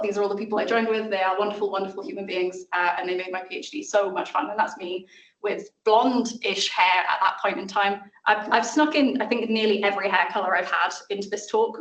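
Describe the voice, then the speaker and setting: Woman, late 20s, relaxed self-mocking seminar speaker, mid pitch, roomy hall, picked up from afar. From South Wales. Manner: chatty and self-deprecating, with filler ums. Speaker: invited seminar speaker, mathematics lecturer. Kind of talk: informal academic talk. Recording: roomy lecture room, mic at a distance.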